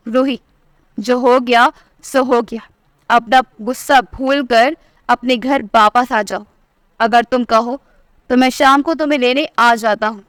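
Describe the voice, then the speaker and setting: An earnest young husband who pleads with his wife, voiced by a woman telling the story. The voice stays light and high, and it sounds clean and smooth. The recording is dry and close. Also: fairly even intonation, measured pace, a bit bright, no room sound. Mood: pleading. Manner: earnest, then exasperated.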